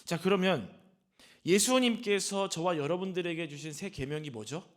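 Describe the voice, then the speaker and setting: A middle-aged man, a senior pastor, preaches a Sunday sermon in a slightly higher voice. He talks conversationally, often turning to the congregation with rhetorical questions. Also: normal speed.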